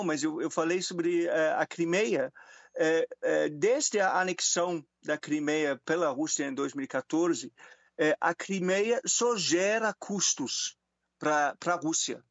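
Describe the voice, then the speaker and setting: A man from Germany speaking Portuguese as a second language with a German accent, giving expert interview commentary in halting phrases with repeated words, over an internet call. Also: a little high, gravelly, no echo, dull audio. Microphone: Skype call.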